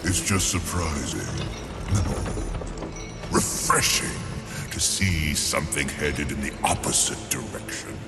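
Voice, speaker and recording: A man playing a brooding, enigmatic underworld lord in a video game, ponderous, deliberate and philosophical. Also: extremely low pitch, animated, vocal fry, full character voice. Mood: musing, curious. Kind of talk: video game cutscene acting. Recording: cavernous reverb with loud music.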